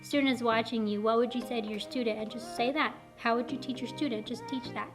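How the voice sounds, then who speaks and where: A woman cosmetology teacher chats straight into the camera, rambling and self-deprecating as she encourages others. Her voice sits a little high, and she sounds a bit out of breath. It is recorded indoors on the camera's own mic. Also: fairly even intonation, fast talker, faint music behind. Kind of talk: casual talk to camera. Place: indoors, warm room. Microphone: camera mic, speaking to lens.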